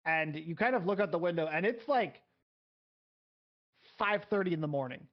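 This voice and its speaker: A man's voice: a little high, animated, moderate pace. A man running a tabletop game as game master, narrating loosely with many fillers. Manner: rambling, full of fillers and restarts. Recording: dull lo-fi audio.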